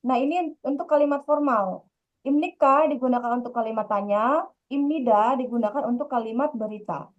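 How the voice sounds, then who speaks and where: A woman teaching a grammar lesson, explaining patiently and repeating her points. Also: high voice. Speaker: Korean language teacher. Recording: dull lo-fi sound.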